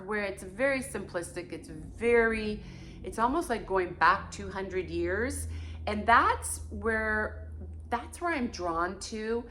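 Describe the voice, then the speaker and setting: A woman's voice: mid-range voice, fairly bright tone, slight background noise. A Portuguese-born woman in her fifties speaking frankly and emphatically in a candid personal monologue from her own home. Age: 50s. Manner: frank and emphatic, swears casually. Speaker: vlogger.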